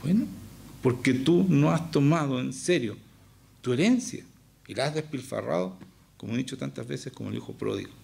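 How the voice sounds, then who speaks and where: A man's voice: medium pitch, brisk, creaky, darkish tone, husky. A man with a Chilean accent preaching a sermon as pastor, emphatic and often firing questions at the congregation. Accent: Chilean Spanish.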